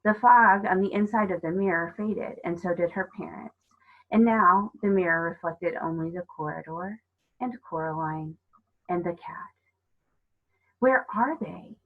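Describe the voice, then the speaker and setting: A woman teacher reads a children's book aloud in a calm, steady manner. Her voice sits fairly low, and the recording sounds dull and lo-fi. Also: normal speed. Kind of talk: storybook read-aloud.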